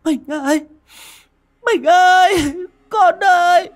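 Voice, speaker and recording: A man voicing a grieving peasant wife who wails in shrill cries for her drowned husband and son. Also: slow pace. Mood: wailing.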